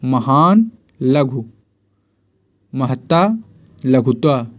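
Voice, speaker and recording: A man's voice: medium pitch, animated, drawn-out words. A man teaching Hindi spelling and grammar for exams, repeating each word and answering his own questions. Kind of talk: exam-prep lesson.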